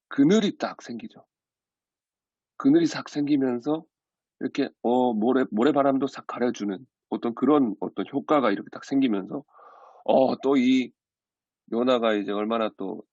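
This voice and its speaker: A man's voice: medium pitch, darkish tone, breathy edge, no echo, lo-fi sound. A man teaching a youth Bible group in a casual, vivid storytelling manner with many fillers.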